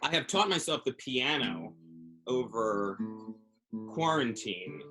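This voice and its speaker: A man chats with schoolkids over a video call in an unhurried, goofy way, drifting through ums and restarts as he leads silly call-and-response bits. An acoustic guitar rings out loudly behind him. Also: medium pitch, lively intonation, rough recording. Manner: chatty, loose and goofy, many ums. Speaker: children's performer on a school visit. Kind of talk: playful talk to kids with sing-alongs. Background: his own acoustic guitar.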